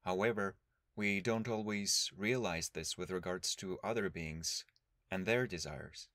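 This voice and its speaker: This low-voiced man is a teacher leading a guided meditation, and his delivery is measured, calm, and instructional, with long silences between phrases. The sound is studio quality, free of any echo.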